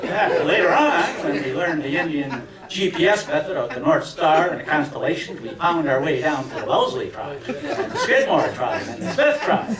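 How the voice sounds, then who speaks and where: A man in his seventies doing a stand-up routine for fellow alumni, telling tongue-in-cheek stories with deadpan punchlines. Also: fairly high pitch, normal speed, few pauses, distant mic. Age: 70s. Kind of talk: stand-up comedy. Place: reunion event hall with audience. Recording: echoey room miked from afar, crowd laughter.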